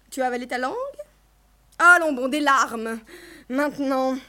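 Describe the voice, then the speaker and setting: A woman voicing a harsh, bad-tempered middle-aged mother who mocks and scolds her daughter in a storybook reading. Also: a bit bright. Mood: scolding. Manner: shrill, mocking and scolding.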